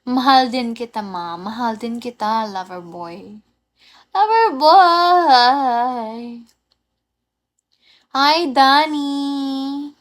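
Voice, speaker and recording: Filipina girl doing a live stream, kinda high voice, talks slow, chatty, says hi to everyone by name. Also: animated, fairly bright tone. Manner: chatty, greets viewers by name, laughs often. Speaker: livestream host. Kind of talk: casual live chat with viewers.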